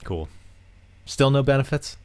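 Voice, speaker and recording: A man's voice: mid-range voice, expressive, unhurried, darkish tone, clean tone, dry recording. A man co-hosting a podcast in casual chat, teasing his co-host and swearing freely.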